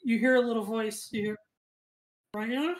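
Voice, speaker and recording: A woman's voice: a little high, normal speed. A woman game master narrating a fantasy tabletop game in an informal, casual way.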